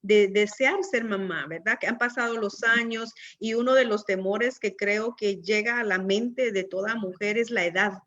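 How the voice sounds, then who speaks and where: Woman host, mid-pitched, reflective and encouraging, with slightly muffled audio. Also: moderate pace, hardly any pauses, a bit bright. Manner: reflective, frequent tag questions. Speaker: host of church program. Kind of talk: church interview conversation. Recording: slightly dull lo-fi sound.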